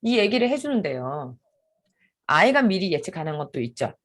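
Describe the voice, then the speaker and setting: Husky-voiced parenting advisor explaining step by step. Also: medium pitch, very animated, normal speed, fairly bright tone. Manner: explains step by step and acts out sample lines to say to a child. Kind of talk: giving advice in a one-on-one consultation.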